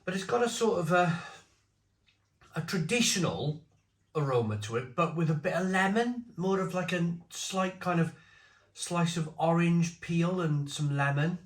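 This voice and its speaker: A British man with a chesty cough gives a casual, halting review, often repeating phrases as he muses. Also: fairly high pitch. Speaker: beer reviewer. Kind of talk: casual spoken review to camera. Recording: echoey room.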